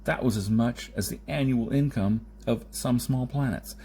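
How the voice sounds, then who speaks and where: This audiobook reader narrates a science fiction story from a script, now and then stumbling over a phrase. He has a warm, mid-range voice at a normal speed, and there's noticeable background noise in the recording.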